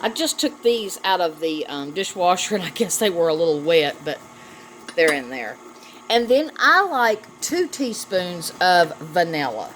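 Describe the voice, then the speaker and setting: A home cooking vlogger demonstrates a dish in her kitchen, speaking warmly and chattily straight to her viewers. Her fairly low voice is very lively, a little slow, and slightly bright. A phone camera on the counter picks up a noisy room full of clattering dishes.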